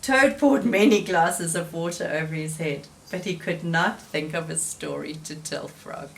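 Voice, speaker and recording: A woman reading a children's story aloud in expressive storybook narration, recorded slightly away from the microphone. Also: low-pitched, unhurried, vocal fry, slight background noise.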